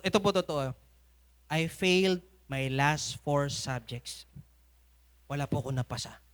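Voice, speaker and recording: A man with a Filipino accent preaching a sermon at a church service, telling stories with humor and frequent laughter. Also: on the high side. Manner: humorous storytelling, laughs often.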